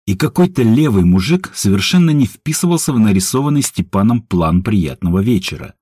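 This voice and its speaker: Brief: lively male narrator, husky voice, dry close sound. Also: lowish voice, a little fast, no echo. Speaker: audiobook narrator. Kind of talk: scripted narration.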